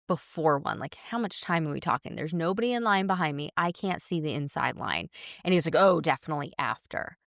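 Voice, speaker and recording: A woman with a slightly low voice tells a rambling story to her podcast listeners. She sounds exasperated and chatty and drops in quick quotes of what others said. The sound is dry and close, with no room around it. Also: no echo. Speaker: podcast host and running coach. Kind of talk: casual storytelling monologue.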